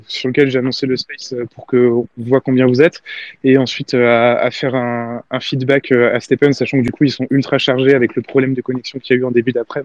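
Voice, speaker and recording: A man's voice: medium pitch, no room sound. A man hosting a casual live audio chat with callers, speaking informally and hesitantly with repeated words. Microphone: online audio call. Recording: band-limited, dull online audio chat.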